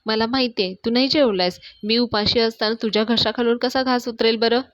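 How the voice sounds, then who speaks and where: A woman's voice: a little high, fairly even intonation, brisk, a bit bright, no room sound, studio quality, natural voice. A woman reading the lines of a stubborn young woman in love, insistent and teasing.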